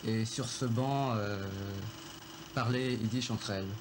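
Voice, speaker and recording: A man recalling his family's story in a film interview, reflective and halting, with many pauses. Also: medium pitch, background noise. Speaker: filmmaker recounting his family.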